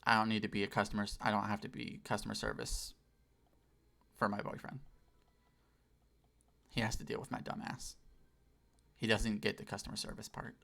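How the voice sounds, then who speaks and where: During a casual livestream of a game, a man in his late twenties puts on a customer service voice, lifted on purpose. He sounds gravelly and fairly bright, his voice on the low side with a level tone, and his chat is self-deprecating and full of swearing.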